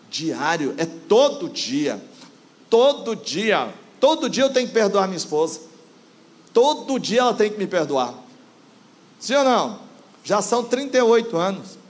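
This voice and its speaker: A man in his sixties preaching in a conversational, playful way, often asking the congregation questions. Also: on the high side. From Brazil. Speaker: guest preacher. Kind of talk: sermon.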